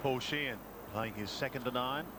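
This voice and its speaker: A man with an Australian accent giving measured live golf commentary as a broadcaster calls the play. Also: mid-range voice. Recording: outdoor broadcast with loud ambient noise.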